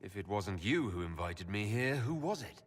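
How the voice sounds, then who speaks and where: An actor playing a blunt hero in a fantasy video game, speaking in a direct, questioning way. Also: male voice, on the low side, sing-song, moderate pace, breathy edge, big-room sound. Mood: blunt, challenging. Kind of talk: video game dialogue acting.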